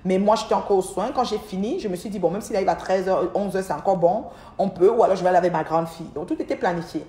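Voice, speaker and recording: Talking straight to her viewers in a chatty way, a middle-aged livestream host tells a long, rambling story from home by an aquarium, often restarting and repeating words. She speaks fast in a warm, mid-pitched voice. Her device mic captures an echoey, bare-sounding room.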